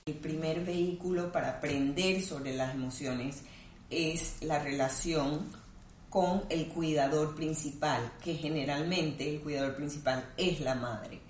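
A woman clinical psychologist speaks in a low, calm voice and explains ideas in a measured, teacherly way. Her voice is picked up from some distance, and the room adds a noticeable echo. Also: a little hiss or hum. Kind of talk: explanatory conversation. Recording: roomy sound from a distant mic.

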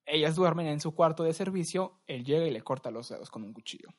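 A young man with a Mexican Spanish accent, co-hosting a podcast and telling stories in a relaxed, slangy, rambling way. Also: a little high, quick pace. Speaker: podcast co-host. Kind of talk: casual chat.

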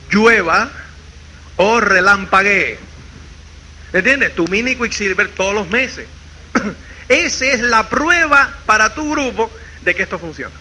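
A man giving a motivational seminar talk, animated, checking in with the audience over and over and acting out quoted people. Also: very high voice, a little hiss or hum, low-quality recording. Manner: animated, keeps asking "¿me entiendes?"; acts out quoted people in shifting voices. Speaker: motivational speaker.

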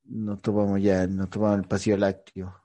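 A man's voice: on the low side, level tone, brisk, mellow, no echo. A Chilean man trading profane, teasing insults in crude comic banter with a co-host.

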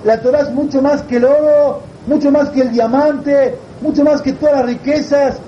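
A man's voice: animated, a little fast, warm tone, slight background noise. A man doing a weeping young yeshiva student. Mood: tearful pleading. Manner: high, crying, insistent. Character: young male Torah student, tearful and pleading. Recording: dull lo-fi recording.

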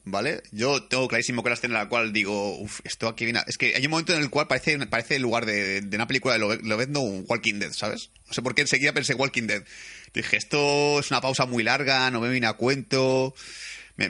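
Young man, podcast co-host, rapid animated film chat, quick pace, bright tone. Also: mid-range voice. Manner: rapid, animated retelling with put-on voices for quotes.

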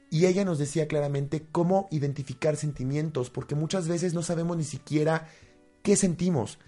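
A young man hosting a motivational self-help show, speaking with passion and building to loud outbursts. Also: mid-range voice. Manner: impassioned, rising to near-shouting when acting out frustration. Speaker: host of a self-improvement show. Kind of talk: motivational monologue.

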